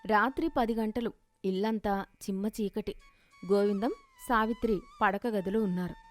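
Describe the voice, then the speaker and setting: A woman narrating a children's animated moral story with dramatic, expressive delivery. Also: medium pitch, normal speed, soft background music.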